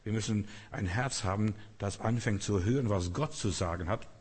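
A man's voice: fairly low pitch, moderate pace, breathy edge. A man preaching a sermon in an earnest, direct way, asking the listeners rhetorical questions. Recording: long reverb of a large hall.

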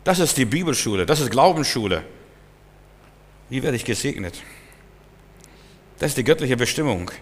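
A man's voice: mid-range voice, expressive, moderate pace, long pauses. A man preaching a sermon emphatically, acting out Bible scenes in different voices. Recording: long hall reverb.

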